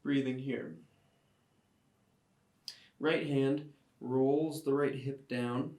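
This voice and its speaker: A man teaching a yoga class, giving calm step-by-step cues timed to the breath. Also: medium pitch, drawn-out words. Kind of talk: guided yoga class instruction. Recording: roomy sound, mic at a distance.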